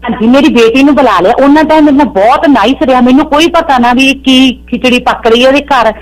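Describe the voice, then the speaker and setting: A woman's voice: high voice, quick pace, low-quality recording. Pleading woman caller. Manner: earnest, pleading, addresses host as sir. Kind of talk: emotional phone-in account.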